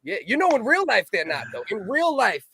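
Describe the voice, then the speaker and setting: A man hosting a casual podcast, loud and profane, repeating himself for emphasis. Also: sits high, huge pitch swings, a little fast. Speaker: podcast host.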